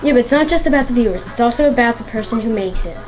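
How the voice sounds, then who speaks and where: A woman's voice: on the high side, animated, rapid-fire, low-quality recording. A woman giving casual commentary as she plays a video game. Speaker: let's play gamer. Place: indoors beside a television running a game. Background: video game music.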